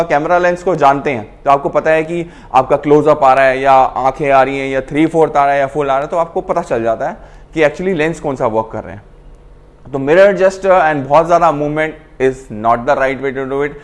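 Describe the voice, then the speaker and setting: A man teaching acting to camera, explaining in a casual mix of Hindi and English and acting out lines to show his points. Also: a little high. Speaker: acting coach.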